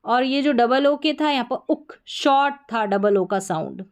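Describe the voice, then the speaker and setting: A woman from India teaching an English spelling lesson, slowly sounding out words syllable by syllable. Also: fairly high pitch, expressive, clean tone.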